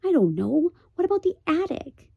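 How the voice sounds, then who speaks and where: A woman's voice: high voice, very animated, moderate pace, gravelly, dry recording, dull audio, voice pushed up, exaggerated voice. A woman voicing an anxious young boy who speaks earnestly and urgently.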